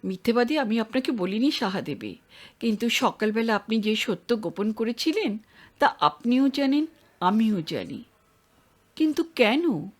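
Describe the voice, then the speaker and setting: A woman's voice: on the high side, lively intonation, a little slow. A woman voicing a persistent young man in an audio story, questioning insistently.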